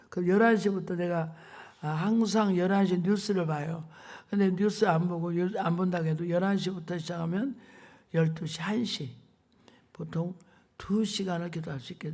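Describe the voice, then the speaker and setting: A woman's voice: on the low side, mellow. An older woman preacher giving an emotional sermon testimony in a dramatic, colloquial, emphatic way. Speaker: revival preacher.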